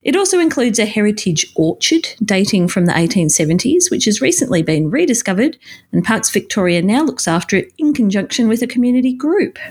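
A woman's voice: medium pitch, darkish tone, breathy edge. An Australian woman hosting a podcast, moving between friendly chat and scripted segments. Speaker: podcast host.

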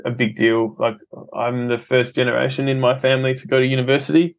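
Speaking fast and flat at medium pitch with vocal fry, a film company boss from Adelaide, Australia, appears as an earnest podcast guest in casual conversation. Restarts often lead him to repeat words, and the dry audio sounds lo-fi.

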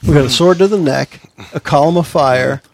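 Gravelly man running a tabletop game. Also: fairly high pitch, crowd noise. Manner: halting, searching for words. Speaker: game master. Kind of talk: casual tabletop game narration.

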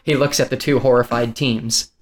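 A man's voice: mid-range voice, steady tone, normal speed. A man narrating scripted scenes as the writer reading his own screenplay aloud.

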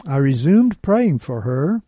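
Slow, husky-voiced man reading aloud. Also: on the high side, sing-song, warm tone, dry recording. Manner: measured, earnest reading. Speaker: radio teacher reading a testimony. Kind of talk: read-aloud narration.

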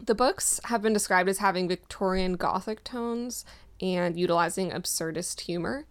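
A woman's voice: lowish voice, normal speed. A woman writer co-hosting a book podcast, chatting casually, enthusiastic and informative. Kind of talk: casual chat.

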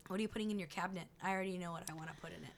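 A hoarse woman with vocal fry, co-hosting a podcast in rambling, filler-heavy casual chat. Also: fairly low pitch, steady tone, rapid-fire. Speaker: podcast co-host.

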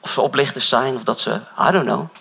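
Gravelly, animated male preacher. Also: mid-range voice, quick pace. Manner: animated storytelling, swings from loud to hushed; conversational, keeps saying "you know". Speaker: pastor. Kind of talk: sermon.

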